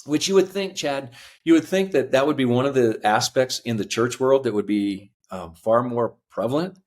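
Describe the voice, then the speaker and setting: A man in his fifties, a podcast guest telling his life story earnestly, halting with fillers. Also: mid-range voice. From United States. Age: 50s. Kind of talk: reflective personal storytelling.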